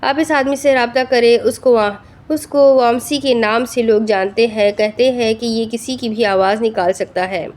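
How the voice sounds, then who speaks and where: Eager male henchman, read by a woman, keen and reassuring, somewhat high voice, urdu novel reading. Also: steady tone, hardly any pauses, darkish tone, natural voice.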